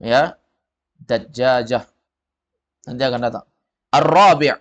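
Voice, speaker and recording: A man's voice: medium pitch, unhurried. Guy teaching arabic vocab in class, says a word then explains it, regular mid voice. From of Padang descent. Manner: drills words, students repeat. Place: study room with a group.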